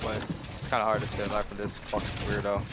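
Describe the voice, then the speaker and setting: A man's voice: lowish voice, monotone, fast talker, noisy background. A man chatting while gaming, frustrated and swearing, calling out warnings to a teammate. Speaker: gamer. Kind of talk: casual gaming chat. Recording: loud game gunfire behind voice.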